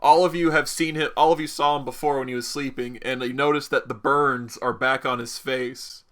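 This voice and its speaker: A man with a bright, forward voice narrates a tabletop game as its host. He talks casually and rambles, restating phrases as he improvises the story. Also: mid-range voice, fairly even intonation, moderate pace. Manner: rambling, repeats and revises phrases.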